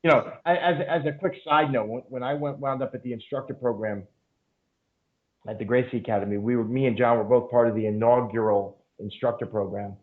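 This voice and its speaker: Brisk and fairly even in intonation, this medium-pitched male voice belongs to a jiu-jitsu instructor guesting on a podcast. His casual storytelling wanders, loaded with fillers and profanity, and the sound is thin and phone-like.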